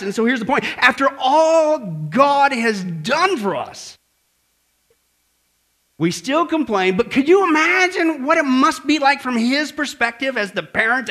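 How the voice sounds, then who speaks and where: A man preaching a sermon as pastor in a church, lively and conversational, acting out voices and asking the congregation questions. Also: very high voice. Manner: animated, acts out grumbling voices and asks the audience questions.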